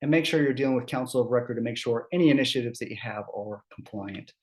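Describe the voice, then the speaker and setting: A man presents an HR seminar on employment law with a throat scratchy from a cold, his medium-pitched voice a little mellow. He keeps it conversational, tossing in quick asides and repeatedly checking in with "right?"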